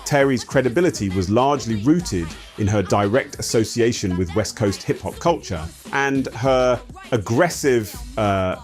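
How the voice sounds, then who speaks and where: Male narrator with a low voice, measured and explanatory, soft music underneath. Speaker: documentary narrator. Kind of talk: scripted narration.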